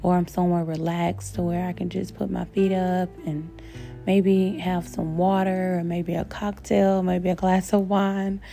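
A podcast host speaks in a lowish, gravelly voice with a flat, measured delivery, as faint guitar music plays behind her. Casual and encouraging, she talks warmly about faith and gratitude, addressing her listeners as "my babies."

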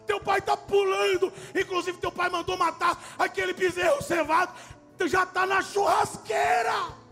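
A frantic male servant bursts in shouting, his voice cracking high and gravelly with excitement, as a preacher puts him on. The delivery is loud and breathless, with faint music behind. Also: measured pace, full character voice. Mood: frantic glee.

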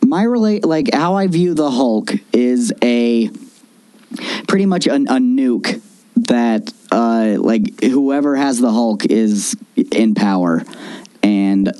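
A man's voice: medium pitch, expressive, takes it slowly, warm tone, no echo. A young adult man co-hosting a casual chat, rambling with many fillers and restarts. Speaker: podcast co-host.

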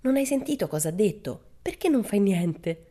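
A woman's voice: medium pitch, sing-song, normal speed, mellow, pitched above the performer's own voice. A woman playing an anxious little boy. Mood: worried. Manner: anxious and imploring. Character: neat, worried little boy.

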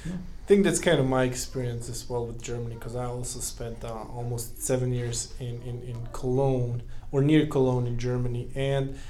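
A man's voice: medium pitch, steady tone, moderate pace, warm tone. A man hosting a podcast, talking loosely and chattily with fillers. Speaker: podcast host.

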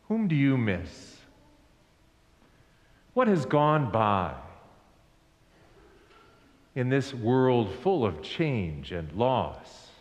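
A male pastor preaching an Easter sermon in a slow, deliberate way. He asks the congregation to repeat lines after him. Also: mid-range voice, big pitch swings. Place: church sanctuary. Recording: echoey hall with long reverb.

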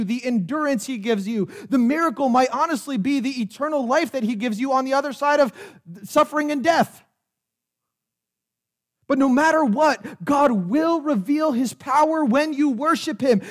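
A man preaching a sermon as pastor, passionate and building to shouted calls for the congregation to answer. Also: very high-pitched.

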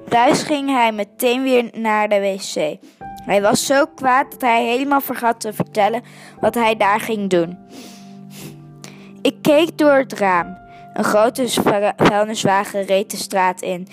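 A woman reading a children's story aloud, stumbling and correcting herself over words. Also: a little high. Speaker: story reader.

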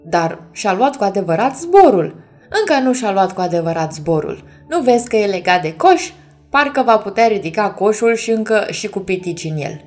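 A woman voicing a grumpy, bossy little male dwarf in a bedtime storybook, scolding loudly. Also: medium pitch, lively intonation, close to an everyday voice. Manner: scolding, shouting.

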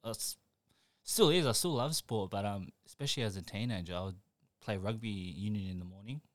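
Young aussie bloke chatting on a podcast, low voice, chuckles a lot, bits trailing off, dry mic. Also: male voice, brisk, no echo. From New Zealand. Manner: laid-back, laughs often, trails off mid-sentence. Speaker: podcast guest. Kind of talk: casual chat.

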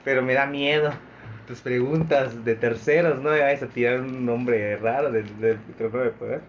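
A man's voice: mid-range voice, fairly even intonation, moderate pace. Mexican man answering quiz questions. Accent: Mexican Spanish. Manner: joking, nervous chatter. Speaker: quiz contestant. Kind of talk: casual trivia game among friends. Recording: muffled with clear background noise.

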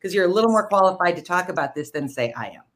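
A woman's voice: on the low side, expressive, very fast. A woman hosting a casual conversational interview in a chatty, self-deprecating way. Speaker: show host.

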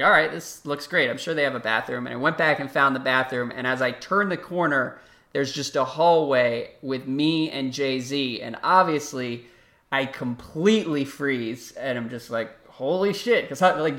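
A man's voice: medium pitch, pushed and bright. A young man co-hosting a sports podcast, telling stories in a casual, self-deprecating way and laughing often. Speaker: podcast co-host.

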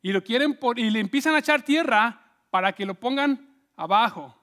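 Preaching in a storytelling style, this man keeps asking "¿sí?" and performs the voices of those he quotes. He has a very high, expressive, fairly bright voice at a normal speed.

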